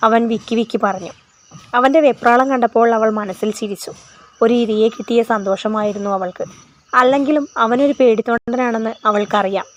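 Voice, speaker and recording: A woman narrating a story in a steady, expressive reading. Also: medium pitch, muffled recording.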